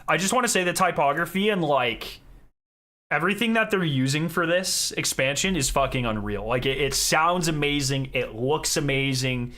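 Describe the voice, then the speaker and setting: A man's voice: a little high, moderate pace, sharp tone. A man chatting casually on a live stream as its host, in an informal, rambling way. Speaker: streamer hosting a charity fundraiser.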